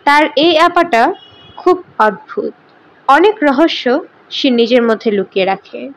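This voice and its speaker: A woman narrating a novel as an audiobook reader, in a steady, even storytelling manner. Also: sits high, a little slow, rough recording. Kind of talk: reading a novel aloud.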